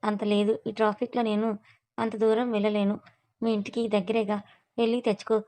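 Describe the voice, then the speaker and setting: A woman's voice: mid-range voice, flat delivery, a little fast, mellow, dry recording, natural voice. A woman storyteller voicing a patient young male friend who coaxes and teases. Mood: coaxing.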